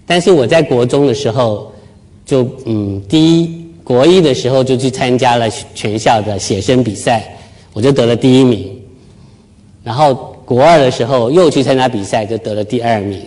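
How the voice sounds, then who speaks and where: A man's voice: medium pitch, normal speed, a little mellow. A middle-aged man from Taiwan giving a public talk, telling stories about himself with self-deprecating humor. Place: lecture hall with live audience.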